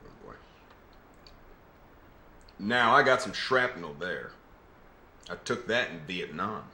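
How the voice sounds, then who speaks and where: A man's voice: deep voice, expressive, takes it slowly, pushed and bright, exaggerated voice. An Australian actor playing a man who puts on an American Southern accent in a live-action video game scene, with a drawling, folksy and polite manner. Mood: sheepish. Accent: put-on American Southern. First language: Australian English. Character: man playing a Southern good ol' boy. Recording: roomy echo.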